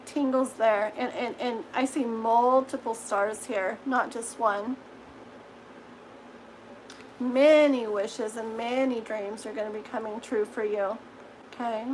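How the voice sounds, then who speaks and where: High-voiced chatty woman reading tarot. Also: fairly even intonation, takes it slowly, darkish tone, slight background noise, low-quality recording. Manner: chatty, reassuring, full of "okay?" tags and giggles. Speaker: tarot reader. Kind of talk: live-stream tarot reading.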